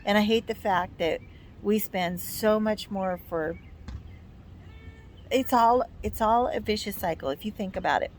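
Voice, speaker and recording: A woman's voice: medium pitch, measured pace, slight background noise. An American woman in her fifties chatting casually and giving blunt, emphatic, complaining opinions. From United States. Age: 50s. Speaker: vlog co-host.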